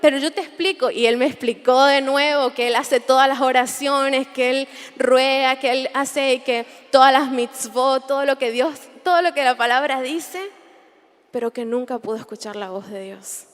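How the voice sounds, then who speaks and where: A woman's voice: sits high, fairly even intonation, moderate pace. A young woman, giving an earnest personal testimony at a Bible conference, often repeating phrases as she searches for words. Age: 20s. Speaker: conference speaker. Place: large hall. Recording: long hall reverb.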